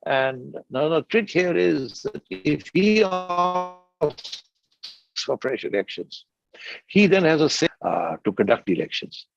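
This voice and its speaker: A man speaking as a political analyst over a video call line that keeps breaking up, his voice coming and going, halting with many fillers. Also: a little high, big pitch swings, creaky. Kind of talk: remote news interview. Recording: dull lo-fi video call line with faint music.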